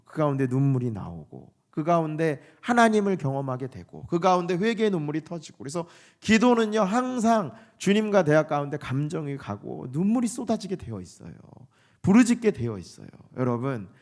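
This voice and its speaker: Lively, animated male pastor preaching. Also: on the high side, a little fast. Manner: lively preaching, mimics flat formal prayer voices. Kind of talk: sermon. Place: church sanctuary.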